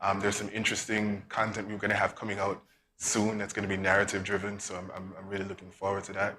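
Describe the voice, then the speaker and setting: A man from Saint Kitts with a Kittitian accent answering casually as an interview guest, thoughtful and halting, often repeating words. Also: lowish voice, monotone. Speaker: interview guest, podcast producer. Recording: faint background noise.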